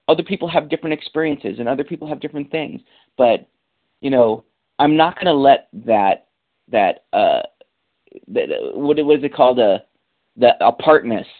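A man's voice: medium pitch, lively intonation, moderate pace, pauses often. A man answering a question at a recovery meeting, giving casual, emphatic advice with street slang and a lot of repetition. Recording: tinny phone line.

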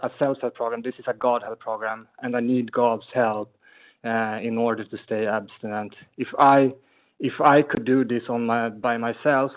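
A man with a mid-range voice shares a personal story at a recovery support meeting, earnest yet halting, restarting often. He's on a tinny, narrow phone line that crackles and fades in and out.

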